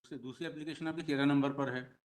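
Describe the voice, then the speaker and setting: A man presiding as a judge in a courtroom hearing, questioning sternly and dictating orders slowly. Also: on the high side, fairly even intonation, poor audio.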